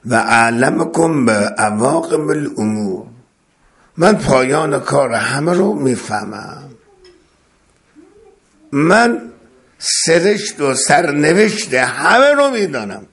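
A man gives a religious sermon with a steady, mid-range voice. He declaims each point emphatically, recites Arabic phrases and explains them, and repeats key words for stress. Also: medium pitch. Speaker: preacher.

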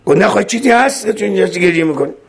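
A man's voice: high-pitched, animated, gravelly, voice pushed up. A man voicing a proud, boastful caliph who coaxes a holy fool. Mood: coaxing. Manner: boastful, coaxing.

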